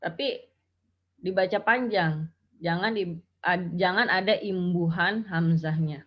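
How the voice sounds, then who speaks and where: A woman's voice: fairly low pitch, unhurried. A woman teaching Quran recitation rules, explaining patiently and chanting example syllables. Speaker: tajwid teacher. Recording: dull lo-fi audio.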